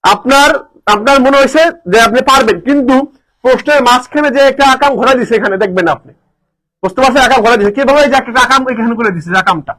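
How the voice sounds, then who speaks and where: A man teaching a live online lesson, energetic, repeating answers and quizzing his students. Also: very high-pitched, fast talker, rough recording. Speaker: admission coaching teacher.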